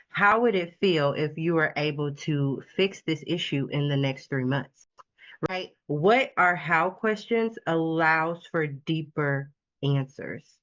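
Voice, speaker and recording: A woman's voice: low voice, slow. Woman sales coach on a zoom call, kinda preachy and upbeat, muffled audio. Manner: animated, laughing, preachy encouragement. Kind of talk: casual video call chat. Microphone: video call.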